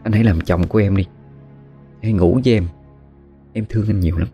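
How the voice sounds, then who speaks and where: Man doing a young female demon ghost, clinging, menacing, soft murmured lines, low and dark, told-ghost-story feel. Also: steady tone, fast, soft background music. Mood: coaxing.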